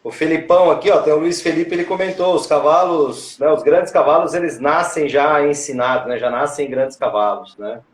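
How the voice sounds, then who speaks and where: Man, live-stream host, agreeable and affirming, slightly high voice, roomy echoey sound. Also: moderate pace, few pauses. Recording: roomy echo.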